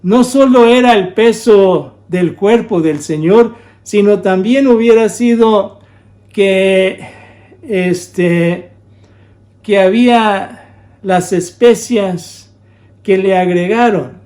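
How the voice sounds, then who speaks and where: Slow, high-voiced male preacher. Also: dark tone. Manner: repeats rhetorical questions, earnest and urging. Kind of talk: sermon.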